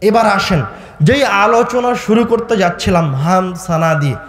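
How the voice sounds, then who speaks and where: Fervent high-voiced male preacher in echo. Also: moderate pace, noisy background. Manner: fervent, swinging from low murmurs to high shouted peaks, asks the crowd questions. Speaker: Islamic preacher. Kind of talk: sermon. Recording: echoey hall.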